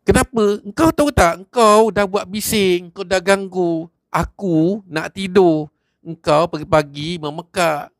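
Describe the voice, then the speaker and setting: A man voicing an angry, short-tempered young village man who shouts and scolds in a high, strained voice. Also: measured pace, no room sound.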